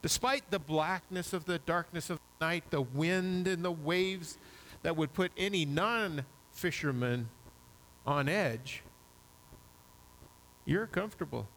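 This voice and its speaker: A man's voice: on the high side, slow pace, a bit bright, rough recording. A man preaching a sermon, retelling a Bible story vividly in the second person.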